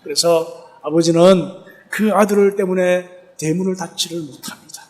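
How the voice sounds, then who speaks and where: A man's voice: high-pitched, fairly even intonation, normal speed. A male pastor preaching a sermon, retelling a parable and asking rhetorical questions.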